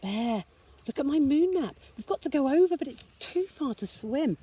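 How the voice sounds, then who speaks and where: A woman voicing a small, anxious male mouse in a storybook read-aloud, high and worried. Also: expressive, moderate pace, dark tone.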